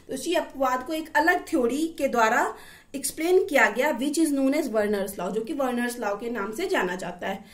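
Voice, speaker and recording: A woman teaching a linguistics lesson, reading English lines slowly and then explaining each one. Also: sits high.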